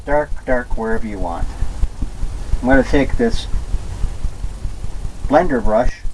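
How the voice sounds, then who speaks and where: A man giving a casual step-by-step painting lesson in a gentle, easygoing instructor's manner. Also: medium pitch, takes it slowly, a little hiss or hum, low-quality recording.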